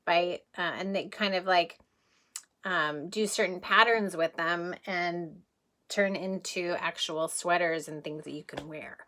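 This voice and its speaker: Here a woman with a lowish, slightly slow voice reads to small children as their kindergarten teacher. Expressive and prone to chuckling, she asks the kids questions along the way and explains the vocabulary simply.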